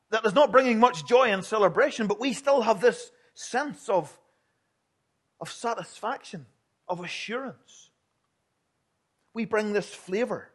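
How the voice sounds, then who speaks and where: Speaking with a Northern Irish Ulster accent, a man preaches a sermon in a high-pitched voice. He talks plainly and earnestly, putting questions to his listeners.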